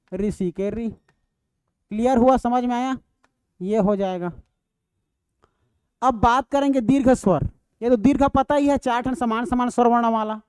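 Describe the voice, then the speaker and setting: A man teaches a grammar class, going over each point again and again and checking that his students follow. His voice is smooth and resonant. The sound is dry, with no room echo. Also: very high voice, darkish tone.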